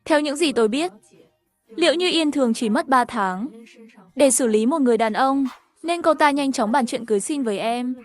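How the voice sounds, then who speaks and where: A woman narrating a first-person story over animation, voicing every character herself in an even storytelling manner. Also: high voice, normal speed, soft background music.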